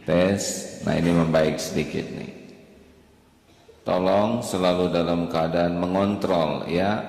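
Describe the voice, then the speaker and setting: A middle-aged man preaches a sermon in a slow, measured cadence, his fairly low voice carrying through a large hall with a long, roomy echo. He sometimes slips into chanted scripture recitation. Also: fairly even intonation, a little mellow. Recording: echoey hall recording.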